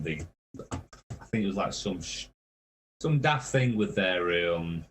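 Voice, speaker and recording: A man with a fairly low voice tells a rambling tour anecdote as a podcast guest. He swears nearly every line and laughs at his own stories. His delivery is loose and casual. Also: slight background noise. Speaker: touring metal musician, podcast guest.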